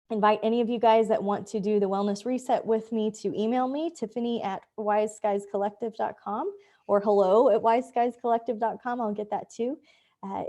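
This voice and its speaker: A woman's voice: mid-range voice, dark tone. A woman astrologer giving a casual, chatty monthly forecast, upbeat and full of fillers.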